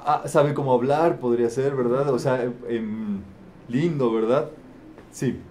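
A man's voice: mid-range voice, a little slow, warm tone, a little hiss or hum. A man facilitating a group teaching session, asking the participants questions and repeating their answers back with a frequent "¿verdad?". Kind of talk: interactive group teaching talk.

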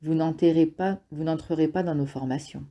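A woman voicing a calm, patient man in an audiobook reading, gently ironic and probing. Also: deep voice, a little fast, muffled recording.

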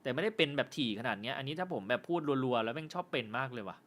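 A man hosting a film review channel, chatting casually with viewers on a live stream. He jokes, swears freely, and says he stumbles and stutters when he talks fast. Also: mid-range voice, animated, fairly bright tone. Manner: loose and joking, with frequent swearing.

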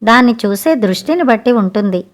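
A kind, honest trader from a fable, speaking gently and patiently, as a woman reading aloud voices him. His tone stays calm and fairly high. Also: brisk, lightly acted. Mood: gentle. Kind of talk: storybook narration.

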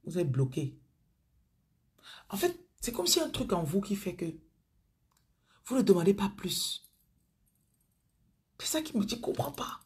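A woman with a Cameroonian accent speaks in a deeply husky, breathy voice. She preaches to her viewers over a phone stream in a chatty way. Her voice often sinks into low murmurs and whispers. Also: very animated, measured pace, long pauses, darkish tone. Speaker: spiritual coach on a live stream.

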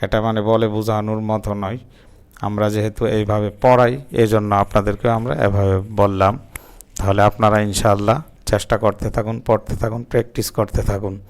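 A man teaching Quran reading, spelling out letters and vowel marks one syllable at a time, then blending them into words, with calm explanations in between. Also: fairly low pitch, a little fast, clean tone. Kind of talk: slow spelling-out recitation lesson.

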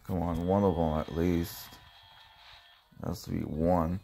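A young man with a low, gravelly voice talks slowly through his game pulls, grumbling and complaining, then breaking into sudden yells. Faint music plays under him. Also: little pitch movement. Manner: frustrated, grumbling, with sudden yelling outbursts. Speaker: gamer. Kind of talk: casual gacha pull commentary.

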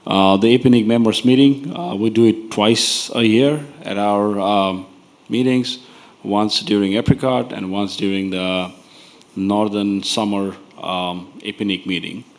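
A man chairing a conference members meeting from a panel table, speaking in an unhurried, informal way. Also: fairly low pitch, fairly even intonation.

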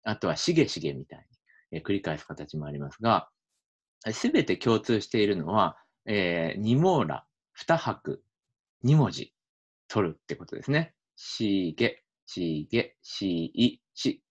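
This man, a linguistics researcher, sounds low, a little slow, and husky. He's giving an easygoing lecture for video, working through ideas out loud with frequent fillers.

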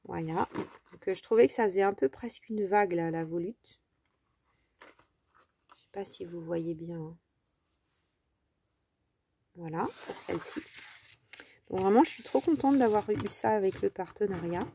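A woman's voice: mid-range voice, unhurried, long pauses, mellow, slight background noise. A French woman hosting a casual crafting tutorial, talking in a chatty, rambling way with many fillers.

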